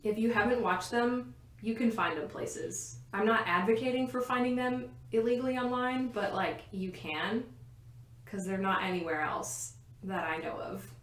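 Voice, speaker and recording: A young woman co-hosts a casual podcast from her bedroom, rambling happily and laughing through her sentences. Her voice sits at an ordinary pitch, and the room around her gives it a noticeable echo. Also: fairly even intonation, normal speed, fairly bright tone. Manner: giggly, rambling, often laughing mid-sentence. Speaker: podcast co-host. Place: a bedroom at home.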